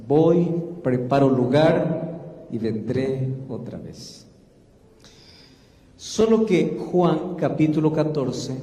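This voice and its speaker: A male pastor delivering a sermon, slowing down to stress key phrases. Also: on the high side, dark tone. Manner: slow emphatic preaching, leans on key phrases. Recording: echoey hall, reverberant.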